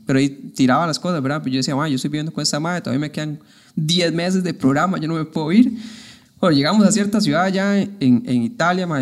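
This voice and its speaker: A Costa Rican man in his twenties telling a story casually, full of slang and quick laughs. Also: on the high side. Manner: rapid, slangy, laughs often.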